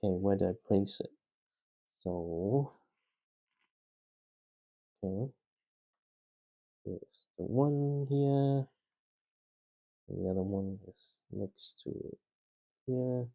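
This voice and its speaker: A non-native English speaker vlogs casually at home as he builds a toy set, talking quietly and haltingly with plenty of fillers and a dry throat. His voice is fairly low and creaky, and the audio's high end is cut off.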